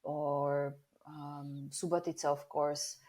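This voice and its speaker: A woman's voice: sits low, level tone, takes it slowly, darkish tone. A woman from Vojvodina in Serbia, a guest chatting in an interview with many hesitant fillers. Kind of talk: casual interview chat.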